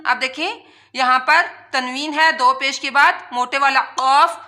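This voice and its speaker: High bright woman teaching recitation. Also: steady tone. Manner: spells letters and vowels, then chants each word slowly and drawn out; quick explanations between slow recited words. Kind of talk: tajweed lesson, word by word.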